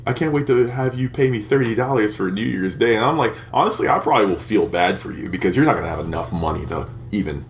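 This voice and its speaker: Young guy co-hosting a podcast, rambly crude storyteller, lively swooping pitch, faint hiss behind. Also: fast talker, hardly any pauses. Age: 20s. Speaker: podcast co-host. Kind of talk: casual chat.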